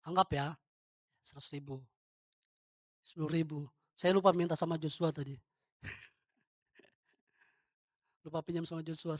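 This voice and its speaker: Speaking straight to his congregation, a male pastor gives an informal sermon and keeps throwing questions at them. His voice is a little high, and the studio-quality audio has no echo.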